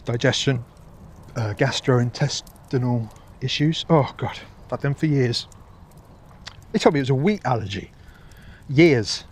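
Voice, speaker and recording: A vlogger walks his dog while delivering a casual monologue, hot and a little weary, rambling with restarts and swearing often. His mid-range voice is animated but measured in pace, with a breathy edge.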